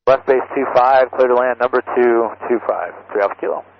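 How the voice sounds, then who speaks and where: A man, an airline pilot, making clipped, calm radio calls to the tower through his cockpit headset. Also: medium pitch, fairly quick. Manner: clipped radio phrasing, calm under pressure. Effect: pilot radio call through a cockpit headset. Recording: muffled air-band radio with faint hiss.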